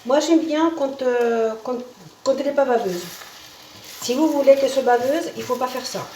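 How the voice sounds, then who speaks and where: In a home kitchen with a sizzling pan, a cooking video host with a Spanish accent chats through a casual demonstration, repeating "hein" and "voilà" and restarting words. Her voice sits high with a darkish tone at normal speed, recorded with roomy, distant kitchen sound and faint noise.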